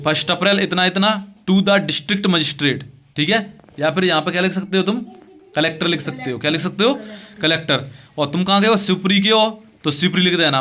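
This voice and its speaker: A man with a north-central Indian accent and a high, sharp voice teaches a classroom English lesson explained in Hindi. He reads English phrases slowly and deliberately, translating them piece by piece, repeats himself, and poses questions he then answers.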